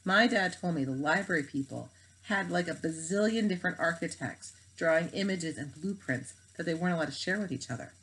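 A woman's voice: on the low side, expressive, fairly quick, few pauses, a bit bright, slight background noise, rough recording. A woman reading aloud, voicing a blunt, knowing schoolgirl. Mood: teasing.

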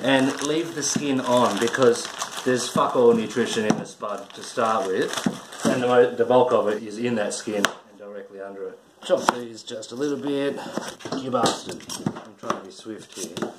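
A man's voice: mid-range voice, moderate pace, very noisy. Chatty man cooking in an echoey kitchen. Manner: chatty, irreverent, swears casually while working. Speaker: home cook hosting a cooking show. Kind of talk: casual cooking demonstration. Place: small cluttered home kitchen, indoors. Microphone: camera mic filming from a few feet away. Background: clattering pots, pans and dishes.

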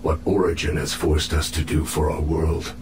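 A man voicing a captive alien infiltrator in a video game, solemn, proud and menacing, with formal, measured speech. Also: very deep voice, flat delivery, roomy sound, noisy background. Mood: grim, resigned. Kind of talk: video game cutscene acting.

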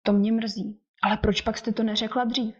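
Woman reading as a dry, teasing old gentleman. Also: a little high, flat delivery, breathy edge. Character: dry ironic older English gentleman, father. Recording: dull lo-fi recording.

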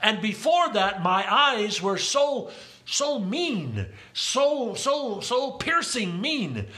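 Older male Pentecostal preacher, exuberant, bright and forceful tone, frequent hallelujahs and bursts of tongues. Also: high-pitched, big pitch swings, very slow. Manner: exuberant, calls out hallelujahs and praise; breaks into speaking in tongues. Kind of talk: Pentecostal sermon.

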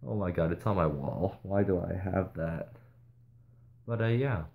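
A vlogger speaking to viewers in a casual, earnest way, hesitating often and restarting sentences. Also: male voice, low-pitched, measured pace, gravelly, narrow, tinny audio. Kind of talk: casual advice vlog.

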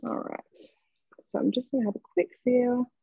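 A young woman leading a live cooking demonstration from a home kitchen, speaking in a friendly, chatty way and inviting viewers to comment. Her voice comes across slightly husky and very dry. The sound is a little dull and muffled, like a webcam on a video call. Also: fairly high pitch, steady tone, normal speed, no room sound. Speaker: cooking demo presenter.

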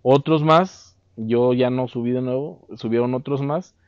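A man's voice: mid-range voice, unhurried, dry recording, highs cut off. A man with a Mexican accent, casually recounting a memory in an interview with a lapel mic, trailing off between phrases. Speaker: eyewitness interviewee. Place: dark room, seated.

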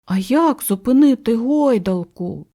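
A woman's voice: fairly high pitch, unhurried, pitched above the performer's own voice. A woman voicing a cheerful, dreamy female cow who is playful and curious. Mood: excited. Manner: lively, gently exclaiming.

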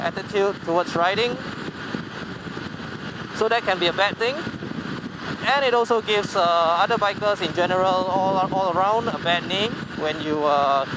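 A man talking casually while riding a motorcycle on a highway, rambling with many fillers and restarts and the odd swear word, into a helmet mic. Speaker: motovlogger. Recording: loud road and wind noise. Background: loud road and engine noise.

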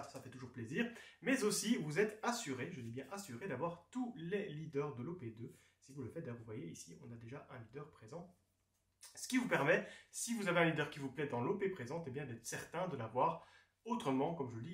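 A man's voice: fairly high pitch, a bit bright. A man hosting a card game channel, giving a casual unboxing commentary full of playful, jokey asides. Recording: echoey room.

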